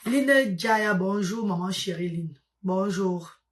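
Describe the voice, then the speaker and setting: A woman's voice: medium pitch, slow, slight background noise. Tired woman chatting on a live stream. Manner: affectionate, calls viewers maman and sister. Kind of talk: casual live-stream chat, greeting viewers.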